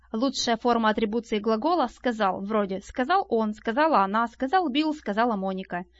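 A woman narrating a nonfiction audiobook in a lively, expressive reading voice. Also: fairly high pitch, no room sound. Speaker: audiobook reader. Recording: dull, lo-fi and dry.

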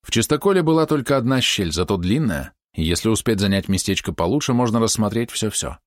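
Reading an audiobook script, a man with a voice on the low side tells the story in a measured, expressive manner. The recording is dry, with clean studio sound.

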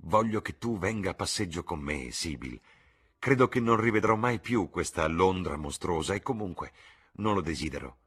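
A sullen, brooding young man, as a male reader gives him voice, blunt and grumbling. Very low and husky in tone. Storybook reading. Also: expressive, moderate pace, fairly bright tone, full character voice. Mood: gruff.

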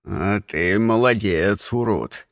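A man voicing a gruff old egg villager who grumbles slowly in a low voice. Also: a bit bright, no room sound, clean studio sound.

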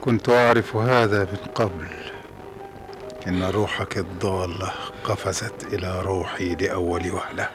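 An actor playing a cold, contemptuous man who is a devil in disguise, in a radio play, speaking in a slow, measured way. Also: sits low, steady tone, over music, natural voice. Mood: scornful. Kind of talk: radio drama acting. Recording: very noisy old radio recording.

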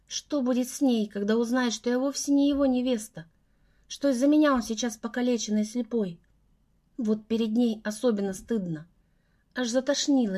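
Woman reading a novel out loud, first person, steady and earnest, kinda higher voice. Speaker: audiobook narrator.

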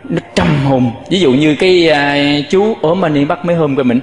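Buddhist monk teaching in an echoing hall. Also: male voice, fairly high pitch, moderate pace, soft background music. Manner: explains patiently, often addressing listeners directly, demonstrates chant tones. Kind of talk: dharma talk with chanting demonstrations. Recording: echoey hall with long reverb.

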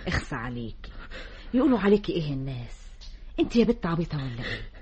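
A woman's voice: sits low, very animated, fast talker, warm tone. A wealthy Egyptian village matron in a radio play, generous but firm with the girl. The recording is dull, with a faint hiss. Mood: firm kindly. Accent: Egyptian Arabic.

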